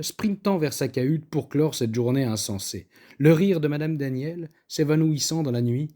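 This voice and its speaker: A man narrating a comic story in a lively, theatrical storybook reading. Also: mid-range voice.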